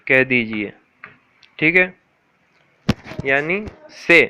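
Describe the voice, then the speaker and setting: A man teaching correct Quran pronunciation, patiently repeating words slowly and quizzing a listener. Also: medium pitch, animated, sharp tone, slight background noise.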